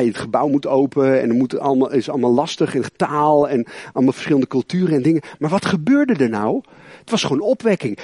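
Animated, rambling man preaching. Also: a little high, no echo, studio quality. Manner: animated, rambling, many restarts and asides. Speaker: pastor. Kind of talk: sermon.

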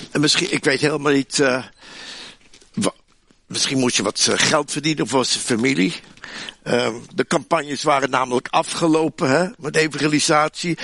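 A man preaching a sermon in a chatty, humorous way, with asides to the listeners, animated and with many restarts. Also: on the high side. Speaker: pastor.

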